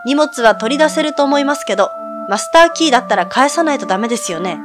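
A woman's voice: sits high, lively intonation, quick pace, over music. A woman reading the lines of a shy, polite young heroine in a video game, speaking hesitantly. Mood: timid.

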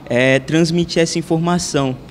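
A teenage boy, a student apprentice, answering an interview slowly into a handheld microphone. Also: a little high, fairly even intonation, long reverb tail, a little hiss or hum.

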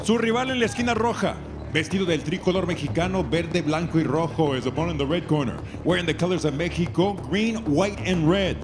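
A man working as a ring announcer in a dramatic lucha libre style, switching between two languages in a booming voice and stretching out names. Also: quick pace. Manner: alternates Spanish and English. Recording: loud music behind. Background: music.

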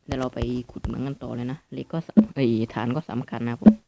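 A man hosting a gaming channel chats loosely through his game with lots of fillers, in casual commentary recorded on his mobile phone with no headphones. His medium-pitched voice is creaky and fast, with heavy background noise.

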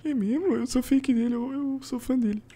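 A man's voice: very high voice, normal speed, warm tone, slight background noise. A young man from Brazil streaming a shooter game, talking in slangy, joking banter with his chat. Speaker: gaming streamer. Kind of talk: casual live gameplay commentary.

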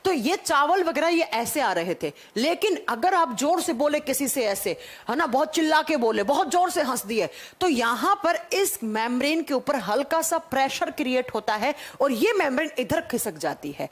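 A woman's voice: sits high, sing-song, normal speed. A woman teacher giving a class to children. She explains step by step and asks questions, then answers them herself. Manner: addresses students as children. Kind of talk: live online class lecture.

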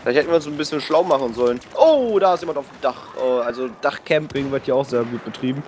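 A man chats casually and colloquially, full of slang, while playing a video game with a friend. He talks fast with lively intonation at a medium pitch, slightly mellow. Faint game sounds sit behind his voice.

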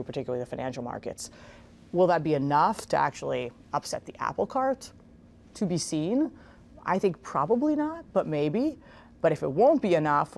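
A woman in her thirties, born in Israel, is a guest on a TV interview, an investment executive giving measured, explanatory answers with casual fillers. Her voice is deep and gravelly, picked up by a lapel mic in a large, bright room with garden windows.

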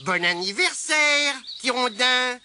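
A man's voice: sits high, big pitch swings, measured pace, sharp tone, a little hiss or hum, pitched above the performer's own voice, heavily acted. A man voicing a cheerful little female magic spider in a storybook, chirpy and eager. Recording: music playing behind.

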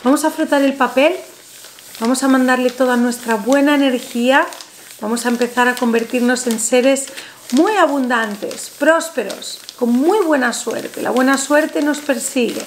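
In a small, bright room, a woman in her thirties sits at a table facing the camera and calmly leads a money ritual tutorial for her spiritual channel. Her high voice is unhurried, soothing, and instructive as she talks to the viewer, with a slight hiss or hum in the background.

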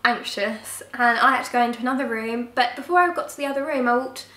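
A young woman telling a personal story in a casual vlog, frank and expressive, swearing now and then. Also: fairly high pitch, fast. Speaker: vlogger. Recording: roomy, mic at a distance.

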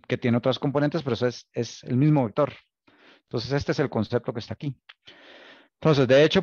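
Guy lecturing, gravelly voice, dull dry lo-fi sound, keeps restarting and saying ok. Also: mid-range voice, a little mellow, no echo. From Costa Rica. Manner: thinking aloud, many restarts and checks like "¿Ok?". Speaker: university lecturer. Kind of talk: recorded online lecture.

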